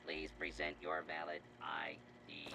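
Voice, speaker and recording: An actor playing a stern male office security robot through a robotic filter, giving flat, clipped commands. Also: rumbling low, unhurried, creaky, noisy background, full character voice.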